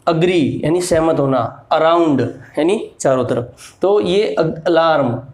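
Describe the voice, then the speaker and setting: A man's voice: a little high, slow, darkish tone, reverberant. A man teaching English to beginners, explaining each letter's sounds and patiently repeating words and examples. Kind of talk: slow explanatory lesson.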